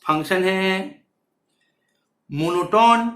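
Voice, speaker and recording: A man with a high voice, sharp in tone and drawing out his words, delivers an exam-prep maths lecture. He keeps checking in with his students and repeats phrases while explaining. The recording sounds roomy and echoey.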